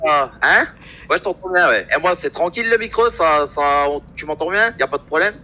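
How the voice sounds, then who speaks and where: A man with a thick Franc-Comtois accent, calling in on a voice call and chatting quickly in a rambling, joking way. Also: on the high side, animated, pushed and bright. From eastern France, Franche-Comté. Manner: fast-talking, rambling, joking. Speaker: caller. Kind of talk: casual phone call.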